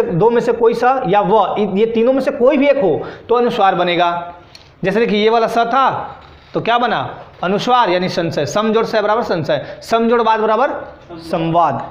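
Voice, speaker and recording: A man teaching a classroom lesson, drilling students with repeated questions and answering them himself. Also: sits high. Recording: echoey room, dull sound.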